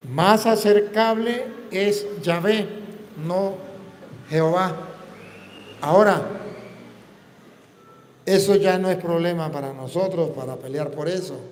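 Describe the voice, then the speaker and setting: Slow high-voiced man preaching in a hall. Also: slight background noise. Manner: slow, didactic, asks and answers his own questions. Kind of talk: preaching Q&A talk. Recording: long reverb in a hall.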